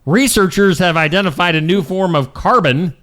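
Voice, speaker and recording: Reading bizarre news aloud on a morning show, this host jokes casually and laughs at the stories. His voice sits high and fairly bright, with lively intonation at a normal speed.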